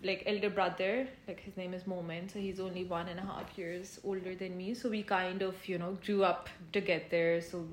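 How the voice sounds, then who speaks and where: A woman's voice: on the low side, flat delivery, normal speed, few pauses. A young woman from Pakistan in her twenties, chatting casually as an interviewee, with lots of fillers and easy laughter. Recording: echoey room with faint ambient noise.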